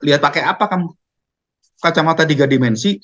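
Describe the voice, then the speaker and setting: A man's voice: a little high, fast talker, a bit bright, muffled recording. A man preaching a sermon, firing off questions and answering them himself.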